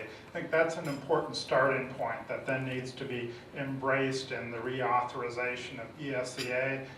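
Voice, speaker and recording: A man's voice: medium pitch, a bit bright, a little hiss or hum. Man speaking on a panel in an echoey hall. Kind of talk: panel discussion remarks. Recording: echoey room, mic from far off.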